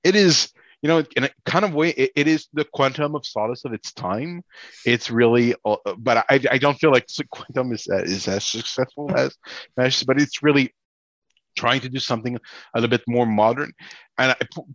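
A man co-hosts a casual film discussion podcast, rambling, halting and stammering as he works through his points. His voice is mid-range and a bit bright. The recording is dry, with dull lo-fi audio.

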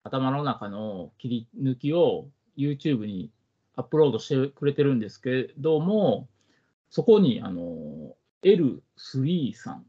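Male podcast co-host, Kansai accent, husky and lively in pitch, hesitant chatty delivery, slightly lo-fi sound. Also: unhurried. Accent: Kansai Japanese. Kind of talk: casual podcast chat. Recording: dull, lo-fi audio.

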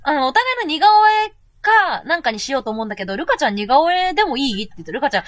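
High, lively chatty woman host. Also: dry recording, clean studio sound. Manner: chatty, rapid rambling with frequent laughter. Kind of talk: casual radio chat.

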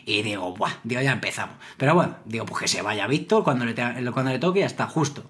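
A man's voice: medium pitch, lively intonation, fast talker, fairly bright tone. A man casually telling a cycling anecdote on a podcast, acting out what his friends said. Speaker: podcast co-host. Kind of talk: casual storytelling chat.

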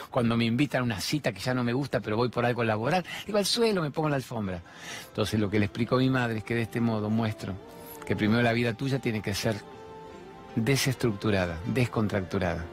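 A man in his fifties with an Argentine accent, hosting a spiritual talk show and delivering an animated monologue full of rhetorical questions. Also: mid-range voice, fairly quick, soft background music. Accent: Argentine Spanish. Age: 50s.

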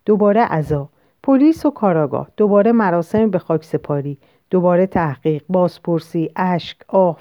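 A woman narrates a novel in the first person, reading in a measured, literary way. Her voice sits low. The recording is dull and lo-fi, close and dry, with no room echo. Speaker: audiobook narrator.

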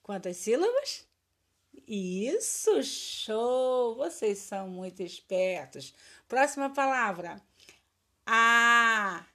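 A woman's voice: fairly high pitch, big pitch swings, slow pace. A woman teacher giving a recorded lesson for children, drilling words in a patient sing-song and praising her pupils.

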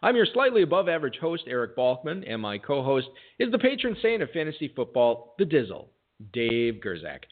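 A man's voice: mid-range voice, wildly swooping pitch, brisk. Guy hosting a sports talk show, jokey, sounds like it's thru a phone. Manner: jokey, self-deprecating show patter. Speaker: podcast host. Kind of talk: casual sports radio talk. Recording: tinny phone-like audio.

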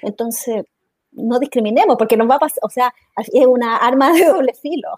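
A woman's voice: on the high side, normal speed, no echo. A Chilean woman with a Chilean accent, speaking as an interview guest in an earnest, impassioned way, often restarting her sentences. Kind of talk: conversational interview.

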